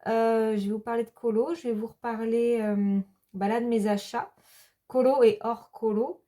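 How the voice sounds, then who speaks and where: A woman, talking in a rambling, hesitant way in a casual chat vlog, with many pauses. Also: on the high side, level tone, mellow. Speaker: hobby vlogger.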